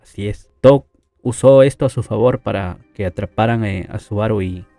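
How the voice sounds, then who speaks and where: A man's voice: on the low side, normal speed, vocal fry, mellow, soft background music. A man casually retelling an anime story plot, chatty and full of fillers and tag questions. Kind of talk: casual story recap narration.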